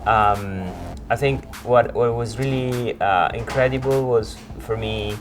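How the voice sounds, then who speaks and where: In a casual interview, a creative director from Italy, a man in his forties, recounts his own career path with an Italian accent. His mid-range voice comes out in hesitant, broken phrases while music plays in the background.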